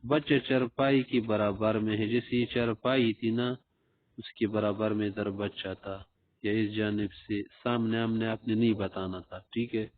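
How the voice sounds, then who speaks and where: A man teaching a language lesson, speaking slowly and repeating example phrases for learners. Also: fairly low pitch, fairly even intonation. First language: Urdu. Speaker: Arabic teacher. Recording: dry, phone-like audio.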